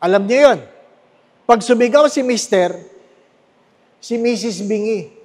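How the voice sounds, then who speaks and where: A Filipino man preaches a homily with a high voice and a slow, emphatic pace, often turning to the congregation with little questions. He repeats his key phrases for weight. His voice carries with the long echo of a big church. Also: a little mellow. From Philippines. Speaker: priest. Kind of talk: sermon. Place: large church with long reverb. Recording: echoey church hall.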